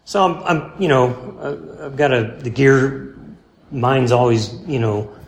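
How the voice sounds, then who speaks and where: A man in a casual interview, rambling and halting, with many fillers and restarts, laid-back and self-deprecating. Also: medium pitch. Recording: roomy with faint background hum.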